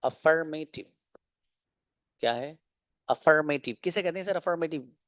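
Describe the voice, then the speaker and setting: A man teaching an online English class, explaining slowly and asking and answering his own questions. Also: on the high side, fairly bright tone, dry recording.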